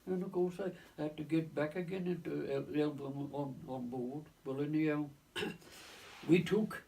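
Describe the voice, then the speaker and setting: Gravelly, halting man in his nineties. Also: on the high side, mellow, a little hiss or hum. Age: 90s. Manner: halting, with many restarts and repeated words; leans on stock phrases like "of course" and "lo and behold". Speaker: navy veteran recounting wartime service. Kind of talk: oral history reminiscence. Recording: voice distant from the mic.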